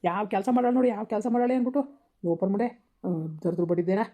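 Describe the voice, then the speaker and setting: A woman voicing an angry village father who shouts and curses at his daughter in a harsh, bitter way. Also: mid-range voice, rapid-fire, close to an everyday voice. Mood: raging. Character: furious village father, harsh and cursing, man. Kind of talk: village family drama acting. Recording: dull lo-fi recording.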